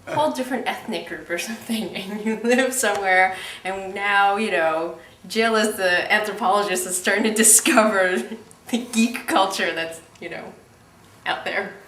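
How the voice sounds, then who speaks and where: A woman in an interview, talking in a lively, teasing way and laughing often. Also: mid-range voice, moderate pace, recorded from a distance. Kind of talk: casual interview. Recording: echoey room, a little off-mic, faint noise.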